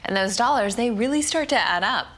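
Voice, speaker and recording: A woman in her thirties co-hosting a sponsored home show, bright and upbeat, in a living room. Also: fairly high pitch, lively intonation, brisk. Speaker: show co-host.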